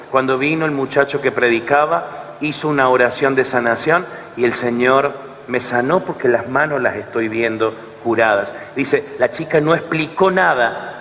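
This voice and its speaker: Argentine preacher in a reverberant hall. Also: male voice, medium pitch, slight background noise. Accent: Argentine Spanish. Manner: animated storyteller, acts out dialogue. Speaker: lay preacher. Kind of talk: storytelling sermon. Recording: long hall reverb, faint ambience.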